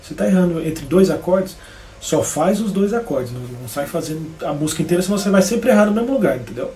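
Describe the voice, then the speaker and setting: A man's voice: sits high, lively intonation, quick pace, dark tone, a little hiss or hum. A Brazilian man teaching guitar on a live stream in a casual, chatty way, greeting viewers by name as he plays. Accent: Brazilian Portuguese. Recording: echoey room with guitar playing.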